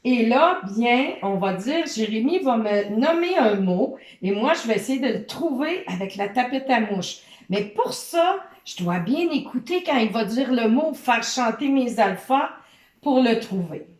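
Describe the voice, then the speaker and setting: Lively, slow-talking woman teaching kids. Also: a little high, echoey room. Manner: sing-song, sounding out letters and syllables slowly. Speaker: children's reading presenter. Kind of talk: reading lesson addressed to a child.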